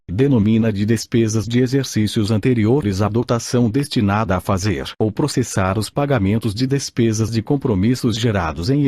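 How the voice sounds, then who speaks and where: Male, old speech synthesizer, lowish pitch, husky tone, dry sound, mechanical audiobook narration. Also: warm tone, no echo. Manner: mechanical, impersonal reading. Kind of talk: scripted audiobook narration, read aloud.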